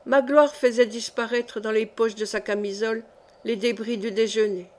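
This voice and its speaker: A woman reading a historical novel aloud in a measured, clear way. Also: a little high, steady tone, a little mellow. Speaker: audiobook reader.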